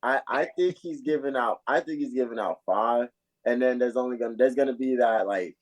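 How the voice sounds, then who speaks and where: A man in an easygoing sports chat, middle in pitch for a man. He jokes around in a loose, laid-back way and drops curse words casually. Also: brisk, poor audio. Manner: laid-back, joking, swears freely. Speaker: podcast co-host.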